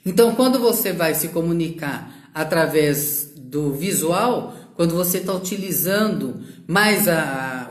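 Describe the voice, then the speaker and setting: Brazilian woman teaching in an echoey room. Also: fairly low pitch. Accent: Brazilian Portuguese. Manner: didactic, lists terms one by one and checks in with "ok?". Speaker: sales trainer. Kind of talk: live-streamed lecture. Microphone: phone on a social media live stream.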